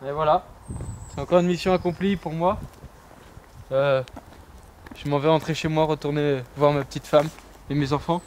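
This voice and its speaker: A man narrating a comic mock-adventure vlog outdoors, with boastful bravado, hushed asides and bursts of shouting. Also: a little high, steady tone, normal speed, long pauses, a little hiss or hum. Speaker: vlogger.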